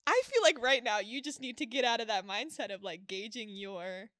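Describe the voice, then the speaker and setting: A young woman speaking casually and earnestly on a faith podcast, encouraging and quick to laugh. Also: fairly high pitch, lively intonation, a bit bright, dry recording, clean studio sound. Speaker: podcast guest.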